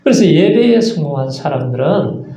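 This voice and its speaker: This man's fairly high voice swings widely in pitch and has a dark tone, moving at a normal speed over dull audio. As a pastor he preaches earnestly, asking rhetorical questions and acting out little asides, recorded in an echoey church sanctuary.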